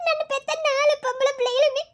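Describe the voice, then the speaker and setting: Performer voicing a cartoon mother, middle-aged, wailing, lamenting, very high-pitched. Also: level tone, a little fast, a bit bright. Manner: lamenting, crying out repeatedly.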